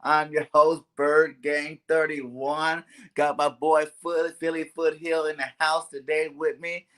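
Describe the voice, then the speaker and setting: A Californian podcast host runs a casual sports talk show over a video call, sounding relaxed and friendly. His slightly high voice is bright and forward, and he speaks slowly, rambling loosely and filling gaps with "you know what I'm saying."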